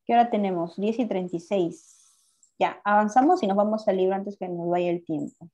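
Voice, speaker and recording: A woman's voice: mid-range voice, steady tone, moderate pace, warm tone. A woman teacher, giving a class and asking her students questions, then praising their answers. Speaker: language teacher. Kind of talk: online class lesson.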